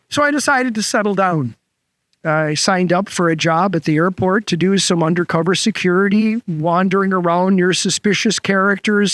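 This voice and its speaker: A man's voice: sits high, a bit bright, dry recording, clean studio sound. A man doing a boastful talking Labrador. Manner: folksy, proud storytelling. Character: boastful talking Labrador retriever, male, retired spy.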